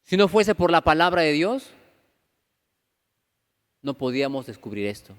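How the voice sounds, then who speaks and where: Pastor preaching in an echoey church. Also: male voice, fairly high pitch, sing-song, unhurried. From Peru. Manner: keeps asking the congregation rhetorical questions; acts out quoted voices of churchgoers. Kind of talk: conversational sermon. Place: church hall. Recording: reverberant church hall.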